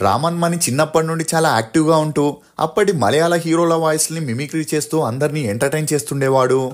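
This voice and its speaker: A man narrating a scripted true-story video, opening with dramatic questions to hook the viewer. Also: a little high.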